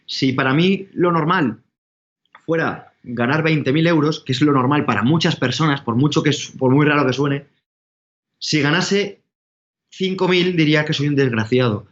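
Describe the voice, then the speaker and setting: A man's voice: on the high side, dull audio. A man from giving an interview, talking casually in a rambling, self-correcting way. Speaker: interview guest, entrepreneur.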